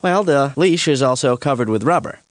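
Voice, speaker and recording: In a cartoon's educational courtroom dialogue, a man plays a laid-back, jokey science professor who explains things breezily and patiently. His medium-pitched voice is expressive, brisk and lightly acted, captured with clean studio sound and no echo.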